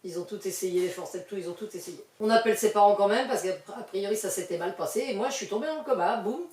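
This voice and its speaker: An older woman from the countryside talks at an everyday pitch in a loose, rambling way, full of fillers and laughing asides. Her voice sounds roomy and sits back from the mic. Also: fast talker, distant mic. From western France countryside. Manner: chatty, lots of fillers, warm laughing asides. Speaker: interview guest. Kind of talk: casual interview chat.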